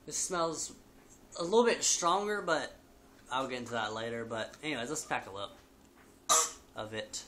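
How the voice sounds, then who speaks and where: A man's voice: medium pitch, moderate pace, long pauses, fairly bright tone. A man in his twenties hosting a casual review video from his living room. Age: 20s. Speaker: video host. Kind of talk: casual product review chat. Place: living room at home, indoors. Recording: noisy home webcam recording.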